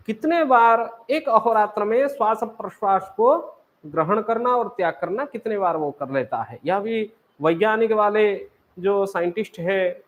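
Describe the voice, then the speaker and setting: A man teaching a class, explaining step by step and asking and answering his own questions. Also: high voice. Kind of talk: classroom lecture.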